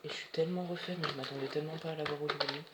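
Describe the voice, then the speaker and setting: A teenager chatting excitedly and rambling while unboxing, swearing often, filmed on a phone at home. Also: mid-range voice, rapid-fire, very noisy. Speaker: doll collector vlogger. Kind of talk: casual unboxing chat. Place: at home, indoors. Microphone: phone camera. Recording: echoey room with loud plastic rustling. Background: crinkling bubble wrap and plastic.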